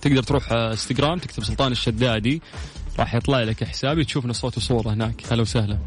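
A man's voice: medium pitch, soft background music. A man hosting a live call-in radio show, greeting listeners and chatting with callers. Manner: warm greetings, quick lively banter with callers. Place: radio studio.

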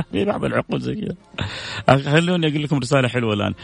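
A man hosting a radio advice show, talking in a playful, animated way. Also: medium pitch, very fast, vocal fry, breathy edge. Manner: animated, playful, acts out both sides of an argument. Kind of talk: casual advice talk.

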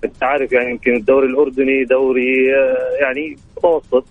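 A man's voice: medium pitch, level tone, rapid-fire, soft background music. A man calling in to a radio show over the phone, talking hesitantly and filling gaps with stock pious phrases. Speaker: caller to a sports radio show. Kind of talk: casual phone-in chat. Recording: tinny phone line.

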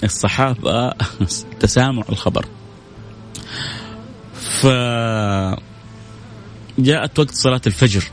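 A man's voice: medium pitch, slow pace, pauses often, soft background music. A man preaching in a live-streamed religious talk, speaking to his listeners directly and repeating phrases for emphasis. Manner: conversational, addresses listeners directly.

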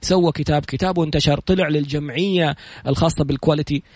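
A man with a Saudi accent telling stories in a motivational talk, retelling what others said with quick, animated delivery. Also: a little high, dry recording. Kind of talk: motivational storytelling monologue.

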